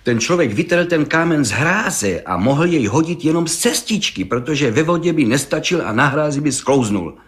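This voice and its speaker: Man reading as an excitable village gendarme. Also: on the high side, hardly any pauses, pitched above the performer's own voice, natural voice. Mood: excited. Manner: rambling, eager, breathless storytelling. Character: excitable boastful male village gendarme, middle-aged. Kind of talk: audiobook reading.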